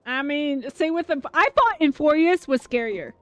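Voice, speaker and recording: A woman streamer chats loosely while playing, full of fillers and asides to her viewers. Her voice sits fairly high. Her talk stays casual and unscripted throughout. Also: expressive, normal speed, fairly bright tone, no room sound, soft background music. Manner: chatty and rambling, filler-heavy, reacting to chat. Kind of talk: casual gaming livestream chat.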